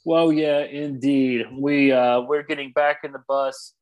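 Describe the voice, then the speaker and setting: A man's voice: mid-range voice, steady tone, measured pace, a little mellow, low-quality recording. A man hosting a comedy podcast over a video call, bantering in a dry, mock-serious way. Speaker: podcast host. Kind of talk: casual comedic podcast chat.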